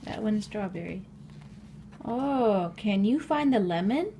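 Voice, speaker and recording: A woman's voice: mid-range voice, lively intonation, slow, creaky, slight background noise. Encouraging woman quizzing a toddler. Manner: coaxing quiz questions and gentle praise. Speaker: parent. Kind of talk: reading picture books with a toddler.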